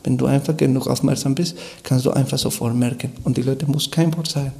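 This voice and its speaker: A man gives a radio interview in German, his language being Spanish. His voice has a gravelly, creaky edge at a middle pitch. He pauses and restarts often as he searches for words. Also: fairly even intonation, mellow. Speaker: guest, Spanish course teacher.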